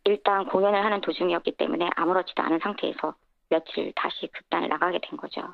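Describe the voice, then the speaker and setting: Woman w/ disguised processed voice, gravelly, tinny phone line, giving an anonymous radio interview. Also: fairly low pitch, fairly even intonation, fast talker.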